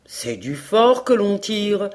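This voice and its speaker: A woman's voice: sits low, expressive, moderate pace, a little mellow, husky. A woman voicing a tough frontier hunter who talks bluntly and urgently. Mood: alarmed.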